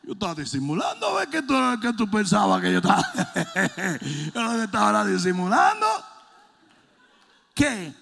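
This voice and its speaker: A high, gravelly-voiced man preaches a lively sermon. He swings between shouting and playful mimicry, and his voice rings through a long hall reverb. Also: measured pace.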